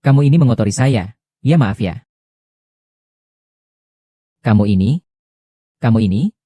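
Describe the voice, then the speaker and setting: A man reading every part of a dubbed drama in a plain, even way. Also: medium pitch, a little slow, no echo.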